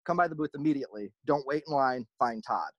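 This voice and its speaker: A man's voice: medium pitch, fast, no room sound, dull audio. A man who runs a merchandise brand, telling stories in a casual interview and acting out the back-and-forth. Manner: animated, acts out quoted exchanges.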